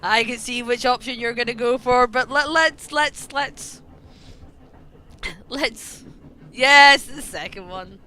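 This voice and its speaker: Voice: mid-range voice, slow pace, pauses often, bright, forceful tone, poor audio. A streamer on a live broadcast, reading the text of a story game aloud and breaking off to chat with viewers about which option to pick.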